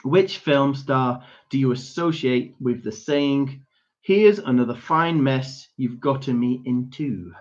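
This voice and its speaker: A young man hosts a quiz at an unhurried pace, repeating each question and spelling out words for the teams. He often chuckles and trips over his words before correcting himself. The audio comes through dull and lo-fi. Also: medium pitch. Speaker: quiz host. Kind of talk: hosting an online pub quiz.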